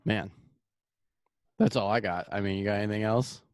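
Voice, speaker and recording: A man's voice: fairly low pitch, normal speed, smooth, no room sound, clean studio sound. A young man co-hosting a podcast, chatting casually, laughing often and letting sentences trail off. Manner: laid-back, laughing, trailing off. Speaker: podcast co-host. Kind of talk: casual chat.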